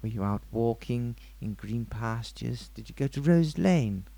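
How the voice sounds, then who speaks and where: A man playing a calm psychiatrist who asks soft, slow, probing questions. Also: mid-range voice, gravelly, no room sound, pitched below the performer's own voice.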